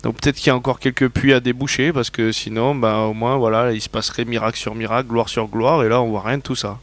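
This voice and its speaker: A man's voice: medium pitch, steady tone, fast talker. A man preaching a sermon, telling personal stories in a conversational way and often asking the congregation whether they agree. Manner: storytelling, conversational, asks the audience questions.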